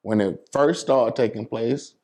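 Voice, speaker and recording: In a medium-pitched, dark-toned voice, an American man who works as a DJ and entertainer takes his time answering interview questions. He explains things casually and keeps checking in with "you know what I'm saying."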